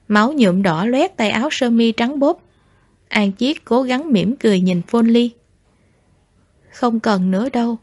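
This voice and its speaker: A woman narrating a novel as an audiobook in a measured, soft delivery. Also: fairly high pitch, no echo. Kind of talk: scripted story narration.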